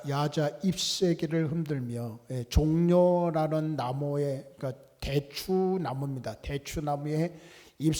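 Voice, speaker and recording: Slow-preaching male pastor, mellow voice. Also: a little high. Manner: slow, deliberate preaching that leads the congregation in call-and-response. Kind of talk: sermon. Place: church sanctuary.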